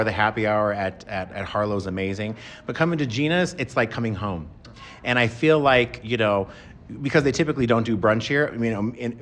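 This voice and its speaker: A man being interviewed about returning to the restaurant business, answering in a rambling, friendly way. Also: on the low side. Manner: rambling, friendly, self-correcting. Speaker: guest, restaurateur.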